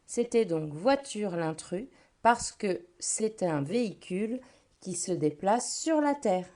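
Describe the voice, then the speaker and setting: Woman, phonics lesson for children, slow deliberate delivery, addresses the child, warm dark tone. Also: mid-range voice, expressive. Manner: speaks slowly, addresses a child directly, dwells on each word. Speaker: teacher.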